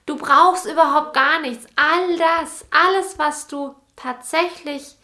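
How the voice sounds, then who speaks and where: A woman's voice: high-pitched, takes it slowly, pushed and bright. A woman hosting a solo podcast as a business mentor, speaking directly to the listener and repeating key phrases for emphasis.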